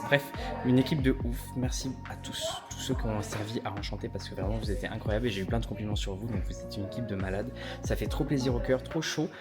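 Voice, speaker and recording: A drag performer and makeup brand founder hosts a vlog from a beauty convention pop-up stand, talking fast in a lowish voice. He's chatty, effusive and camp, calling people "ma belle." Loud music and vehicle noise sound behind him.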